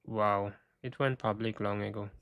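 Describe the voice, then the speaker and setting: A man hosting a casual screen-share walkthrough, thinking aloud with halting restarts, and he is losing his voice. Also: on the low side, steady tone, creaky, dry recording, highs cut off. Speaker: tech video host.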